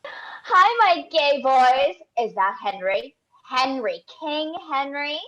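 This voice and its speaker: During a comedy table read, a woman plays a brash, pushy young tech entrepreneur who is loud-mouthed, bossy, and gushing. Her exaggerated voice is high-pitched and sing-song, delivered slowly, and the lo-fi remote microphone makes it sound dull.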